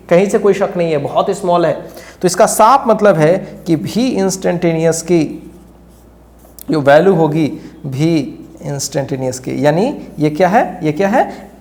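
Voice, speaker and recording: A man's voice: high-pitched, a little mellow. A male teacher giving a lecture who keeps quizzing his students with rhetorical questions and repeats key phrases as he explains. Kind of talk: classroom lecture. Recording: echoey room.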